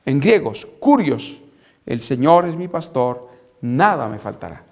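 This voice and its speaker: A man giving a Bible apologetics lecture as instructor, reading verses aloud and spelling out key terms slowly and deliberately. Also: medium pitch, very animated.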